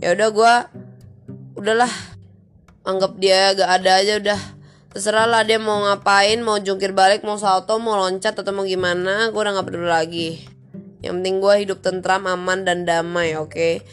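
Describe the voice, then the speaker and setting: Young woman, casual slangy vlogger venting, mid-pitched, light music under her. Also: level tone, normal speed. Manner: chatty, slangy, exasperated venting. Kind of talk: casual storytelling vlog.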